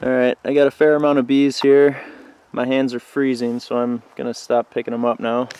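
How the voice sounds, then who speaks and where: A man's voice: medium pitch, normal speed. A young man filming a casual homestead vlog in a snowy backyard, explaining at an easy pace with lots of ums and uhs. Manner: relaxed, explanatory, many fillers. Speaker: homestead vlogger. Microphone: camera on a tripod.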